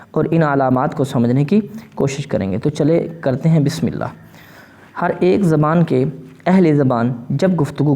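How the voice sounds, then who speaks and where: Gravelly, mellow-voiced male Quran teacher. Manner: repeats "ٹھیک ہے جی؟" with rising pitch. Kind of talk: explanatory lesson.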